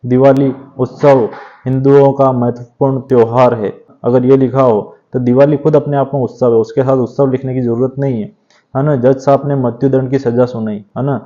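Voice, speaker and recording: A man's voice: mid-range voice, flat delivery, normal speed, warm tone. A man teaching an exam revision lecture on grammar, explaining steadily and often checking in with a tag question. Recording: dull lo-fi sound.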